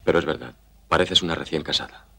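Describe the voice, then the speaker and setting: An actor playing a tender young man who teases his lover by making up a romance story, in a deep, husky voice. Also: quick pace, a bit bright, full character voice. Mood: playful. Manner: playful, mock-narrating. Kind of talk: film dialogue.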